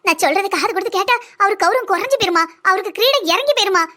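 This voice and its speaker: A woman doing a sharp-tongued, aggrieved village mother. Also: very high-pitched, animated, racing, pitched above the performer's own voice, heavily acted. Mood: lamenting. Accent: southern Tamil (Kanyakumari-Tirunelveli). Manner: lamenting, scolding monologue. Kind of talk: cartoon voice acting.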